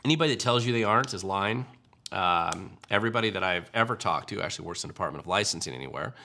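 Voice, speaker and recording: A low-pitched man with a gravelly, bright edge to his voice answers viewer questions on a livestream. His talk is casual and wry, full of ums and restarts. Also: lively intonation, fast talker. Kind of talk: casual political commentary livestream.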